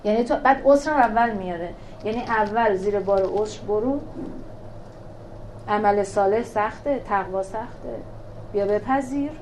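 A woman teaching a religious class on scripture verses. She talks in a lively way, asks rhetorical questions and answers them herself, and recites verses slowly. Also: mid-range voice, a little hiss or hum. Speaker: teacher of a Quran class for women. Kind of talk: religious lesson explaining scripture.

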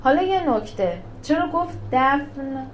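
A woman's voice: sits high, expressive, poor audio. A woman giving a religious lesson to a small class, emphatic, asking questions and answering them herself. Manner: emphatic, asks and answers her own questions. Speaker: religious teacher.

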